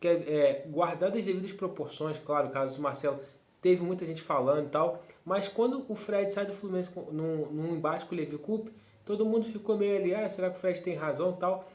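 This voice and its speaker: A man from Brazil hosting a football fan channel in a casual, rambling commentary style, leaning on fillers and tag questions. His voice sits a little high for a man. The room around him is echoey. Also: brisk, a little mellow. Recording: roomy echo.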